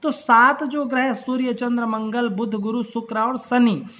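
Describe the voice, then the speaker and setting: A woman teaching astrology basics in a patient, step-by-step explanatory lecture, often pausing in hesitation. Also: on the high side, steady tone, fairly bright tone, a little hiss or hum.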